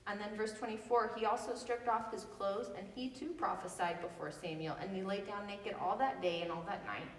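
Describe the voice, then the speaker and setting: A woman's voice: mid-range voice, fairly even intonation, fairly quick. Woman, bible study teacher, casual and chatty, laughs easily, heard from a distance, roomy hall echo, faint background hum. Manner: chatty, laughs often, loose asides.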